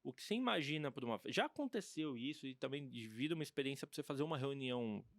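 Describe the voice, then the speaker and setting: A man from Brazil, a guest DJ, telling work stories in an animated, anecdotal way in a casual podcast chat. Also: medium pitch, fast, no echo, studio quality.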